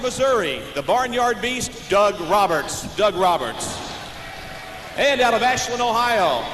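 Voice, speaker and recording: Man, American accent, tractor pull announcer, high voice, showy drawn-out introductions, heavily echoing PA, background noise. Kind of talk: live arena announcing, introducing competitors. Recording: noisy, echoing arena PA with long reverb.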